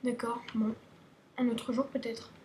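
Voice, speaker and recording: High-voiced woman, chatty gaming commentary. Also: flat delivery, a little slow. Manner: chatty and playful, many restarts, talks to viewers. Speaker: gaming video host. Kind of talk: casual game tutorial commentary. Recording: roomy echo, faint background hiss.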